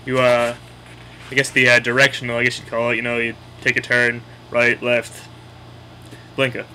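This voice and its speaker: A man's voice: medium pitch, monotone, moderate pace, pushed and bright, slight background noise, rough recording. A man with a Boston accent casually explaining local slang in a blunt, opinionated, sweary way. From Boston area, United States.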